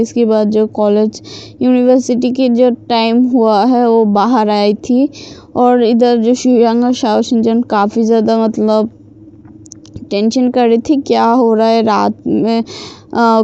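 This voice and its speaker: Woman storyteller, casual loose retelling, many fillers, gravelly, dull lo-fi sound. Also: a little high, warm tone. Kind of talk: casual fan-fiction story narration.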